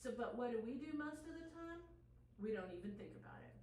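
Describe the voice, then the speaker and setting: A woman's voice: on the high side, lively intonation, a little fast, darkish tone, a little hiss or hum. A woman presenting a parent workshop, speaking to the audience with frequent questions and checks like "okay?". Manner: engaging, asks the audience often. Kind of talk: interactive workshop talk. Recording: echoey room from a distance.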